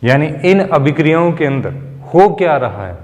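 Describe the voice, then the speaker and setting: Slow-speaking male chemistry teacher, reverberant room. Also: a little high, sing-song, darkish tone. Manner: slow and explanatory, mixes Hindi and English terms. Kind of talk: classroom lecture. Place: classroom.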